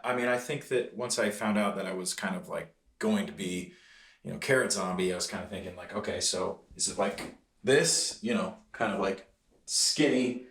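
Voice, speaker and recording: A man's voice: fairly low pitch, reverberant. A man in creature makeup, rambling and hedging about how to play his part.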